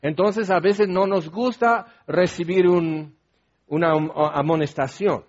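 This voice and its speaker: A man's voice: high-pitched, slow pace, darkish tone. A male pastor, preaching a sermon in a conversational, explanatory way with asides to the congregation. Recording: dull, lo-fi sound.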